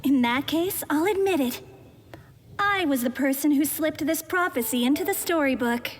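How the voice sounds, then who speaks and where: A woman's voice: sits high, moderate pace, a little hiss or hum, lightly acted. A woman voicing a composed, formal and courteous young woman mage in a video game.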